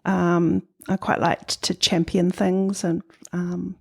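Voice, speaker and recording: A woman's voice: on the low side, little pitch movement, slow pace, vocal fry, a little mellow, breathy edge. A middle-aged woman from New Zealand with a New Zealand accent, answering interview questions in a thoughtful, hesitant way. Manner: thoughtful, hesitant, many ums. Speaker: guest artist.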